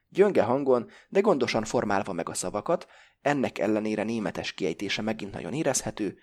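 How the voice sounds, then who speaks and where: A man reading a first-person novel aloud as an audiobook, calm and measured. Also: on the low side. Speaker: audiobook reader.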